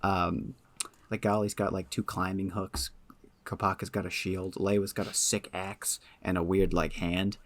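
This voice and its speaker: Low-voiced rambling podcast man. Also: level tone, unhurried, dry recording. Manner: rambling, many ums, enthusiastic. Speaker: podcast host. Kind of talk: casual chat.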